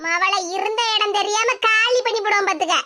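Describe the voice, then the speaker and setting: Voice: very high-pitched, a little fast. A performer voicing a hot-tempered, loyal village daughter-in-law who scolds and threatens. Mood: threatening. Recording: loud background noise with clicks.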